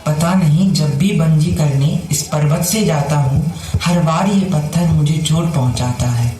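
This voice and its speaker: An actor playing an irritable, short-tempered merchant in a school stage play, with a loud, exasperated delivery. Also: male voice, on the high side, a little slow, soft background music, close to an everyday voice. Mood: frustrated. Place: school stage at an annual function. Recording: echoey hall.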